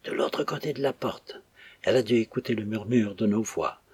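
A man reading the lines of a secretive, wistful young woman in an audiobook, with a husky voice. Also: on the low side, steady tone, a little fast, a little mellow, no echo. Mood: hushed.

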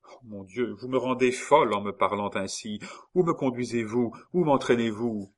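A man's voice: mid-range voice, normal speed, voice pushed up, natural voice. A man reading an audiobook and voicing a guilt-ridden young woman who murmurs and begs in despair. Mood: pleading.

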